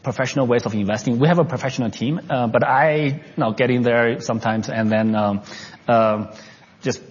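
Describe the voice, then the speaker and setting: In an unscripted interview, a Chinese-born, Canadian-raised entrepreneur and investor talks haltingly, filling his speech with restarts and fillers. His mid-range voice carries a breathy edge. There's a long reverb tail, and the highs are cut off.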